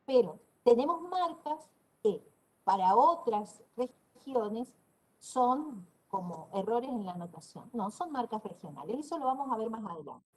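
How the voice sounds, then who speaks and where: Husky Argentine woman giving a lecture. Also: a little high, animated, a little slow, rough recording. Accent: northeastern Argentine Spanish. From Corrientes, Argentina. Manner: explanatory, demonstrates pronunciations aloud. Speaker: university lecturer. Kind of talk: online class lecture.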